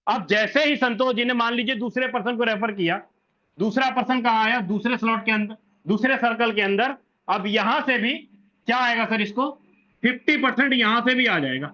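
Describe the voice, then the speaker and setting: A man's voice: very high-pitched, moderate pace, bright, forceful tone, highs cut off. A man walking listeners through a business plan, repeating points and answering his own questions. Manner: repetitive, asks questions and answers them himself; corrects himself mid-sentence. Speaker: presenter explaining a business plan. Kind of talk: explanatory walkthrough to an online audience.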